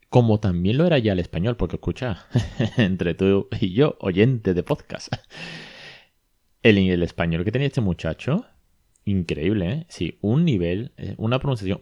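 Speaking in a deep, mellow tone, this podcast host and bilingual parenting consultant casually recounts a consultation, reenacting the dialogue and often drifting into asides or correcting himself. The audio is close, dry, and somewhat muffled.

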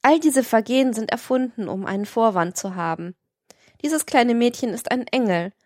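A woman's voice: a little high, expressive, normal speed, darkish tone, no room sound, clean studio sound. A woman voicing a worried young woman warning her friend earnestly in an audiobook. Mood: urgent.

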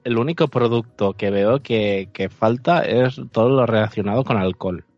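A man's voice: fairly low pitch, moderate pace, darkish tone, no echo, lo-fi sound, soft background music. A man joining a casual chat, dropping dry joking remarks.

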